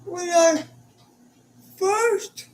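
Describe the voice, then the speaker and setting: Halting, very slow-speaking woman. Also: extremely high pitch, darkish tone. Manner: halting and hesitant, stutters and pauses often. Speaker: live stream host. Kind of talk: unscripted live stream talk.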